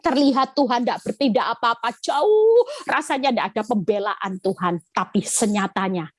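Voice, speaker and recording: A middle-aged woman, preaching a sermon and telling her own testimony over a video call, with sudden jumps in pitch and direct appeals to her listeners. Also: fairly even intonation, a little fast, no echo, clean studio sound. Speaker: evangelist preacher.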